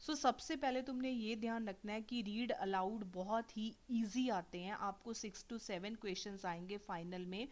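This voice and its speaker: A woman's voice: mid-range voice, measured pace, few pauses. A young woman teacher patiently explaining exam technique to her students in a tutorial. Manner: patient, instructive, addresses students directly.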